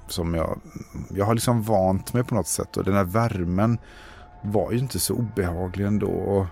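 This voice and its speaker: A man's voice: lowish voice, a little mellow. A man playing a tabletop role-playing game, describing his character's actions in a hesitant, stammering way while thinking aloud. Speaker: player. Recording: faint music behind.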